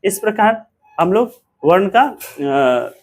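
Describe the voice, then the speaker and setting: Lively man teaching grammar. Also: high voice, faint music behind. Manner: lively, repeats and quizzes viewers, calling them friends; stretches out each example slowly. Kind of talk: online grammar lesson.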